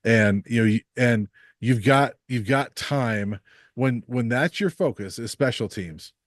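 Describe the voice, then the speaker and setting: A man hosting a casual sports podcast, talking in a relaxed, measured way with many ums and uhs. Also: mid-range voice, no room sound, clean studio sound. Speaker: sports reporter and podcast host.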